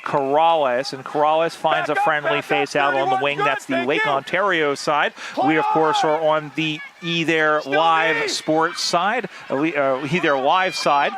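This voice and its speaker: Male play-by-play caller, slightly high voice, chatty asides, noisy outdoor field. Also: steady tone, measured pace, hardly any pauses. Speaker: play-by-play commentator. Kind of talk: live sports commentary. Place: outdoors beside a sports field. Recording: outdoor field with loud background noise.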